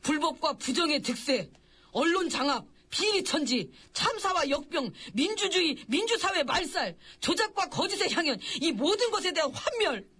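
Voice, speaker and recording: A woman's voice: sits high, very animated, a little fast, fairly bright tone. A woman playing a fawning, cheeky court servant who reports gossip to the king in a satirical radio comedy sketch. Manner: deferential, cheeky and whining.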